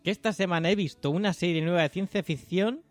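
A man's voice: high-pitched, fast, dry recording. A man with a Spain Spanish accent co-hosting a podcast in a casual, joking, colloquial and sweary way. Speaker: podcast co-host.

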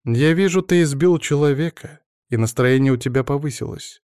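A man reading an audiobook, voicing a sharp-tongued educated young woman who questions her estranged husband reproachfully. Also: mid-range voice, normal speed, dry recording, clean studio sound, pitched above the performer's own voice, natural voice. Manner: reproachful, probing.

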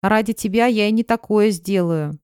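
A woman's voice: mid-range voice, moderate pace, darkish tone, clean tone, no room sound, studio quality, close to an everyday voice. A woman voicing an anxious, self-justifying woman friend talking on the phone in an audiobook. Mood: tearful.

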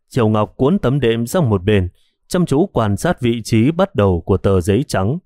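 A man giving scripted narration of a detective horror audiobook in a steady storytelling manner. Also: on the low side, no room sound, studio quality.

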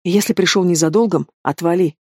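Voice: mid-range voice, a little fast, warm tone, breathy edge, dry recording, natural voice. A young male werewolf, tense and protective, answering in short, defiant lines, as the reader puts him on. The sound is dry and close.

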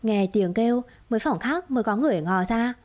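A woman's voice: on the high side, a little fast. Woman narrating a romance story. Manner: steady dramatic storytelling.

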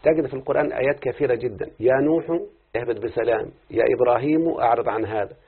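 A man's voice: medium pitch, racing, husky. A man teaching Arabic grammar, often quizzing his students with questions. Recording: tinny phone-like recording.

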